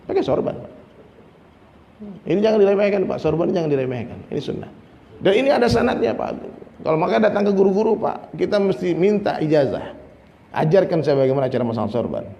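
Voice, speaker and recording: A man from Indonesia's region, giving a lively, humorous sermon to an audience. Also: high-pitched, a little fast, vocal fry, muffled recording, a little hiss or hum. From Minangkabau, Indonesia. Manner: lively, humorous preaching, often addressing listeners. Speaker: preacher. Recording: long reverb, faint ambience.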